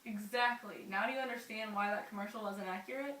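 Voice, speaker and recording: A woman's voice: mid-range voice, quick pace, pushed and bright, slight background noise, rough recording. A young woman acting in a scripted school skit, patiently explaining step by step.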